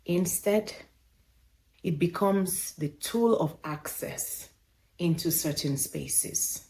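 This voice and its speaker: A woman hosting a podcast, delivering scripted explanatory narration in deliberate, emphatic short phrases. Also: fairly low pitch, vocal fry, darkish tone, slightly rough. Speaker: podcast host.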